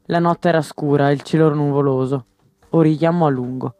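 A man narrating a novel as an audiobook, reading steadily and raising his voice for shouted lines. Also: brisk, dry recording. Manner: steady storytelling, lifts pitch for shouted quotes.

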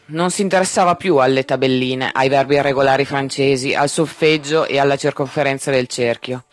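Higher-voiced man narrating a storybook. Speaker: audiobook narrator.

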